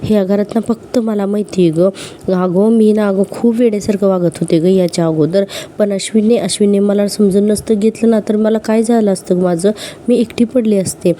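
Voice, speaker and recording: A woman's voice: medium pitch, steady tone, moderate pace, warm tone, a little hiss or hum, close to an everyday voice. A woman voicing a sly young wife who talks in a sugary, ingratiating way. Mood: fawning.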